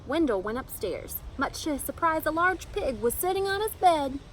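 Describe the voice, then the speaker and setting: A woman reading a children's picture book aloud in an animated, emphatic storytelling manner. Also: high voice, normal speed, a little hiss or hum, low-quality recording. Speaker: storybook reader.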